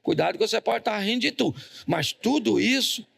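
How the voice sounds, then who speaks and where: Man, Brazilian accent, pastor, humorous sermon, gravelly, bright high voice. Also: expressive, moderate pace. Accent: Brazilian Portuguese. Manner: joking, storytelling, calls on the congregation. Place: church hall.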